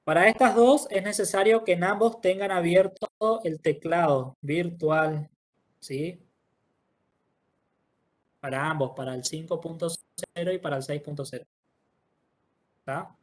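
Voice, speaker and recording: Patient teacher, step by step. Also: male voice, on the high side, steady tone, measured pace, pauses often. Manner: patient, explains step by step, checks in often with "¿sí?". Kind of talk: online class walkthrough.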